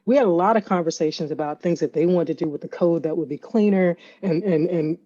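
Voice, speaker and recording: Animated woman guest with a mellow tone. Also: lowish voice, fast talker, highs cut off. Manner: animated storyteller, laughs often, acts out quotes. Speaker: guest, AI ethicist and consultant. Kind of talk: casual conversational interview.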